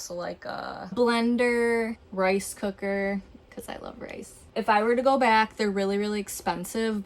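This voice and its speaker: A woman's voice: medium pitch, poor audio. A young woman giving a casual, joking tour of her van build, upbeat and chatty as she walks through it. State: out of breath. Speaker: vlogger. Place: inside a parked van.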